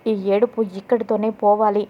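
A woman's voice: mid-range voice, flat delivery, brisk, lo-fi sound, natural voice. A woman narrator voicing a harsh, scheming middle-aged mother-in-law who speaks bluntly and scolds. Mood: aggrieved.

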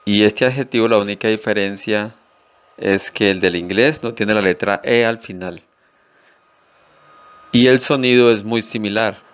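Slow, deliberate male language teacher. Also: on the low side, clear, resonant tone. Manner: slow and deliberate, repeating each word carefully. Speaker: English teacher. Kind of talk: slow-paced language lesson.

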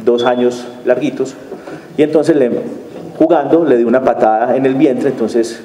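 A man's voice: mid-range voice, steady tone, normal speed, dark tone. A man giving a conference lecture, engaging the audience with rhetorical questions and a frequent tag question. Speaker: conference speaker. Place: conference hall. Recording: echoey hall, faint background noise.

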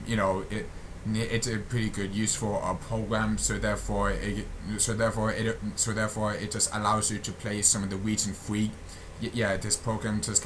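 Recorded on his computer's built-in microphone, a young gaming creator chats through a channel update, stumbling and circling back over his own words. He sits on the lower side in pitch with a fairly bright tone, and there's a little background noise.

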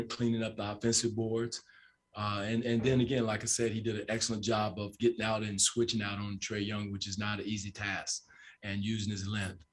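A man in his sixties, a basketball coach, answers postgame questions into a table microphone in a press room. His voice sits low and stays level, with little rise or fall. He talks in a measured way, restarts often, and leans on fillers. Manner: measured, repeats phrases, frequent fillers. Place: press room with sponsor backdrop. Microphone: table microphone in front.

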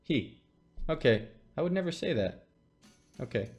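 A man's voice: medium pitch, big pitch swings, unhurried, a little mellow, soft background music. A man in his late twenties streaming from a small room at his desk, casually thinking aloud, joking and swearing. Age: late 20s. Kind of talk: casual live-stream commentary.

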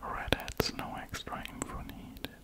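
A man whispers close to the microphone in a soft ASMR wildlife watching style. His whisper is breathy and unvoiced, with no full tone behind it. He takes his time, reading aloud slowly and adding hushed comments as he goes. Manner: slow, hushed, unhurried. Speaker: ASMR host. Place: indoors at a computer.

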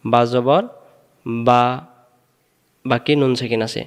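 A man teaching an online Quran reading lesson, drilling letters and vowel sounds slowly and patiently, asking questions and answering them himself. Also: medium pitch, steady tone. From Bangladesh. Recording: long hall reverb.

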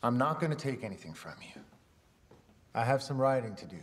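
A man playing a smooth scheming writer. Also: medium pitch, very animated, fairly quick, lightly acted. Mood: persuasive. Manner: polite, persuasive, formal. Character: scheming smooth-talking male writer courting lodgings. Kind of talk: period film dialogue. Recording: reverberant film soundtrack.

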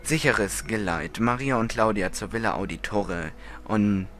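A man's voice: lowish voice, unhurried, a little hiss or hum. A man giving casual gameplay commentary as a let's play host, chatty and often correcting himself. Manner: chatty, self-correcting, frustrated at times. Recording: commentary over loud game music.

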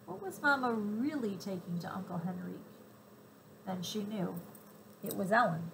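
A woman's voice: medium pitch, lively intonation, normal speed, creaky, a bit bright, slight background noise, poor audio. Woman reading a chapter book aloud. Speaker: reader. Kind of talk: storybook read-aloud narration.

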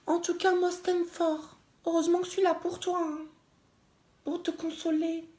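Lady doing a sassy little girl voice, squeaky and quiet, roomy echo. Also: flat delivery, moderate pace. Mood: teasing. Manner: teasing, soft-voiced. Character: cheeky little girl mocking her mother.

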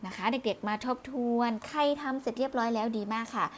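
A patient woman teacher talks young pupils through a review lesson, repeating each word and closing her phrases politely. Her voice sits a little high. A faint hiss runs under the recording. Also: quick pace. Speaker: primary school Thai teacher.

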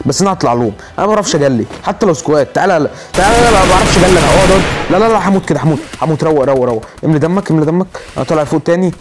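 A man with an Egyptian accent giving live commentary over a mobile shooter game, excitable and talking to himself, repeating words urgently. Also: high-pitched. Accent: Egyptian Arabic. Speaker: gaming channel host.

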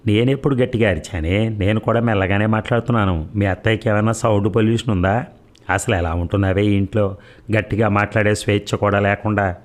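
A man's voice: fairly low pitch, steady tone, quick pace, natural voice. Man playing a headstrong, mocking young woman. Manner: mocking, argumentative. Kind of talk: storybook reading.

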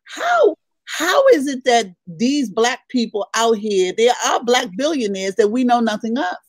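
A woman co-hosting a casual morning chat show, loud and laughing as she tells stories and gossips. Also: fairly high pitch, big pitch swings, a little slow, dry recording. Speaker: co-host.

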